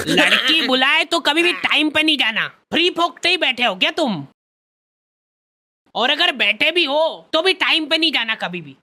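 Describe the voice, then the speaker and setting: A man's voice: extremely high pitch, sharp tone, full character voice. A man playing a boastful college senior who lectures younger boys about girls, in a bragging, preachy manner. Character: boastful male college senior, self-styled love guru. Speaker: senior student.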